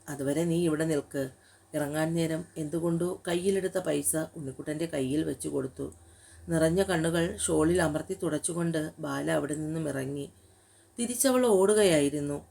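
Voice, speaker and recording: Low, mellow woman reading a story. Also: gravelly. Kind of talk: scripted narration of a romance audio story.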